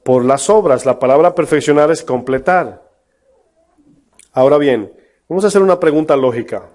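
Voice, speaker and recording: Man, pastor, sermon, emphatic, rhetorical questions, slightly high pitch. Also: expressive, normal speed, a little mellow. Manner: mocks false prophets in a put-on voice.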